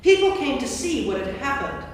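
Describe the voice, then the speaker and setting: Recorded from afar in a heavily reverberant church hall, this woman reads the narration of a staged scripture piece as narrator and priest. She pitches high, speaks in a sing-song way, and keeps a normal speed.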